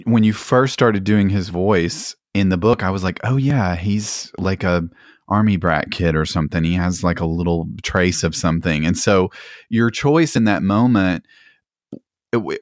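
A man's voice: low-pitched, no echo, clean studio sound. A man hosting a podcast interview, asking long, meandering questions in an enthusiastic, conversational way. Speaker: podcast host.

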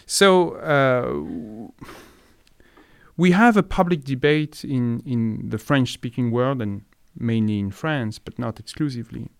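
A man's voice: mid-range voice, expressive, slow pace, gravelly, clear, resonant tone, dry recording, clean studio sound. A man hosting an academic interview podcast, hesitant and searching for words as he frames questions. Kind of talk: conversational interview.

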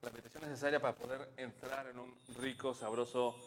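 A man's voice: mid-range voice, level tone, a little fast, a little hiss or hum. A man with a Mexican accent co-hosting a casual podcast, explaining at length and laughing often. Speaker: podcast co-host.

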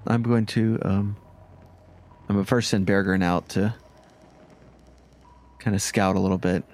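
Low male voice, casual tabletop player, stammering restarts. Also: steady tone, unhurried, darkish tone. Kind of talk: casual tabletop game play.

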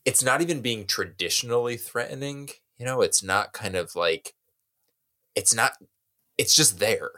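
A man's voice: medium pitch, measured pace, pushed and bright. A man co-hosting a podcast, talking through a movie scene in a thoughtful, analytical way. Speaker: podcast co-host. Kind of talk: casual film discussion.

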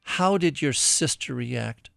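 A man's voice: mid-range voice, expressive, takes it slowly, creaky, fairly bright tone, no room sound. A man hosting a radio interview, leading his guest and finishing her sentences. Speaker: radio host.

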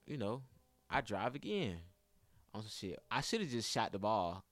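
This young man has a lowish voice, speaks at a moderate pace, and is recorded with no echo. Chatting casually, he tells an animated story packed with heavy slang and frequent laughter, acting out other people's lines.

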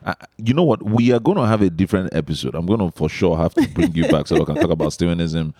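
A man's voice: sits low, lively intonation, fast, dark tone, no room sound, clean studio sound. A man with a Nigerian accent hosting a podcast in casual interview chat. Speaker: podcast host.

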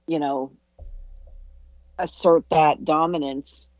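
A man co-hosting a podcast in casual chat, halting and searching for words. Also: fairly high pitch, fairly even intonation, a little mellow, no echo. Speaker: podcast co-host. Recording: dull dry lo-fi mic.

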